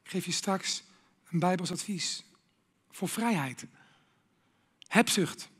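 A man's voice: sits high, slow pace, a bit bright, breathy edge, big-room sound. A Dutch man preaching a sermon, dramatic, acting out inner voices and dropping to whispers.

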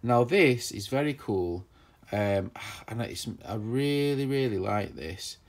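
A man with a mid-range voice takes his time and speaks expressively as he shows off old tools. He is a tool collector vlogger giving casual show-and-tell narration, chatting with enthusiasm and rambling through plenty of fillers.

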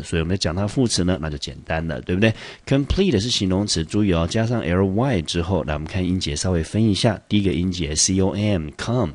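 Deep-voiced Taiwanese man teaching English. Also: dry recording. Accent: Taiwanese Mandarin. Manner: explains patiently, slows down to pronounce English words. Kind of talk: vocabulary lesson.

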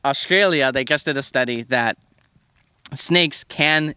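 A young man co-hosting a podcast outdoors, debating quickly and joking into a handheld mic. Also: mid-range voice, bright, forceful tone, smooth, no room sound, studio quality. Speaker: podcast co-host. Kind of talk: casual argumentative chat. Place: outdoors by a river.

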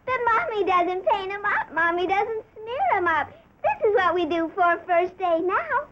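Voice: extremely high pitch, big pitch swings, a little slow, heavily acted. A performer voicing a chipper little girl reciting simply in a singsong way for a 1950s commercial. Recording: noisy, dull old TV commercial audio.

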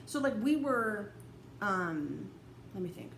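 A woman's voice: medium pitch, very animated, slow pace, gravelly. Chatty woman lecturing in an echoey room. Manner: casual, rambling, many fillers and restarts. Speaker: college anthropology instructor. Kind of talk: recorded lecture over slides. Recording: echoey room, faint background noise.

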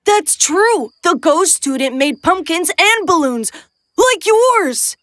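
An eager, curious teen girl in a cartoon, voiced very high with a lot of movement in the pitch. She speaks slowly and earnestly, and the recording is dry and close. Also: sing-song, a bit bright, no room sound, exaggerated voice. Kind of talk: cartoon dub.

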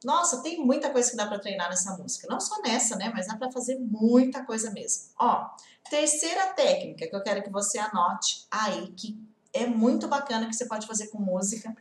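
A woman's voice: on the high side, lively intonation, fairly quick, echoey room. A young Brazilian woman with a Portuguese accent from the interior of São Paulo state, teaching English in a casual online lesson. She talks patiently and often checks in with the viewer.

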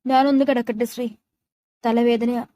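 A woman's voice: a little high, flat delivery, moderate pace, mellow, no room sound, clean studio sound, close to an everyday voice. A woman voicing a young woman hiding her hurt. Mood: hiding sadness. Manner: hesitant, brushing things off.

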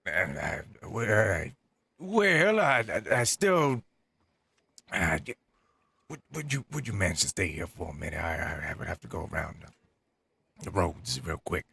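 A man improvising casually in a game roleplay, hesitant and stammering, repeating his words, with a gravelly, husky voice. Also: deep voice, big pitch swings, a little slow, pauses often, pushed and bright, dry recording.

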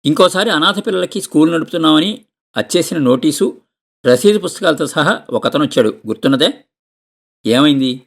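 A man's voice: a little high, animated, fairly quick, gravelly, voice pushed up. A man voicing a stern, practical middle-aged husband who lectures and insists in a storybook reading. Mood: lecturing. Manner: insistent, scolding.

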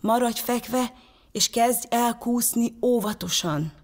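A woman voicing a protective older boy who shouts urgent orders to his little brother, in a storybook reading. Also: a little high, voice pushed up.

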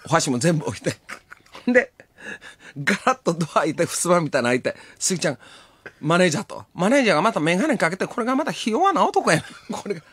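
A woman's voice: lowish voice, sing-song, fast, breathy edge, no echo. A woman radio host telling a story casually, acting out the quotes and laughing often.

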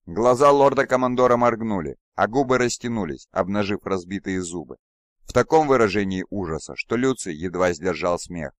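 A man narrates an audiobook in a steady, dramatic reading voice. His pitch sits on the low side. The recording is dry and close, with no room sound. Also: no room sound.

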